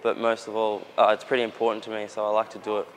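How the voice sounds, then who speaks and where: Outdoors near a gym with traffic passing, a young footballer from Melbourne, Australia, earnestly answers interview questions. His low-ish voice is fast and completely flat, and he often repeats words while searching for the right phrasing.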